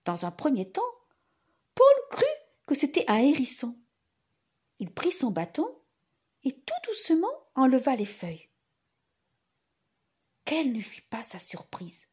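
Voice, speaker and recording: A woman narrating a children's bedtime story in simple, expressive phrases, as if reading to a toddler. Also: high voice.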